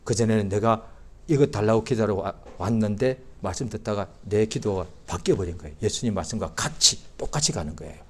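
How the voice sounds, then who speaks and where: A middle-aged man preaching a Sunday sermon as pastor. His delivery swings from quiet explanation to loud, high-pitched outbursts, and he acts out prayers and quoted speech. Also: a little fast, husky.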